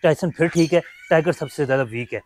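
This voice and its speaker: This man talks fast in a fairly high voice, with no echo. He chats casually, vlog-style, while touring his mini zoo, lovingly speaking to his birds and other pets.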